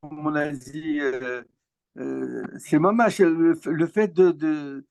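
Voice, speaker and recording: A male student answers in a class discussion, speaking slowly and hesitantly as he searches for words. His voice sits a bit higher than most men's, and the sound is dry, with no room echo. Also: steady tone, creaky, a little mellow.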